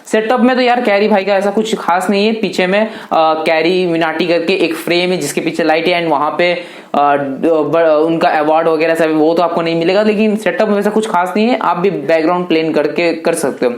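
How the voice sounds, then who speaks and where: A man's voice: on the high side, moderate pace. An eighteen-year-old man answering viewer questions in a casual, chatty vlog, loosely talking to viewers as brothers. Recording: echoey room.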